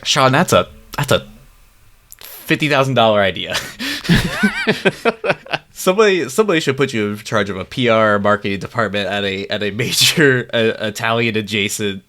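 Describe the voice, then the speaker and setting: A man's voice: lowish voice, animated, moderate pace, fairly bright tone. A man in his thirties co-hosting a music podcast, playful and laughing through his sentences. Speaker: podcast co-host. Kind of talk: casual chat.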